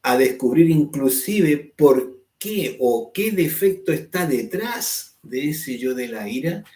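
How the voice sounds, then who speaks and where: A man's voice: mid-range voice, darkish tone. Echoey man teaching a spiritual class. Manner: explanatory, acts out angry quotes, asks "¿cierto?" often. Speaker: spiritual course instructor. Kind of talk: online class lecture. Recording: echoey room.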